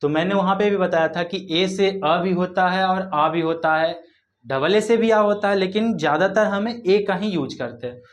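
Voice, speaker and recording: A man's voice: high voice, moderate pace. A man teaching a spelling lesson with a Hindi accent, spelling words out letter by letter and patiently repeating them. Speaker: English teacher.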